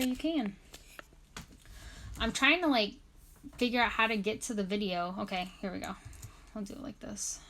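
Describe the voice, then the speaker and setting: A young woman with a crisp, bright voice and a slight lisp leads a casual livestream Bible study. She talks into her phone in a chatty way, with lots of fillers and quick apologetic asides. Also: medium pitch, a little hiss or hum.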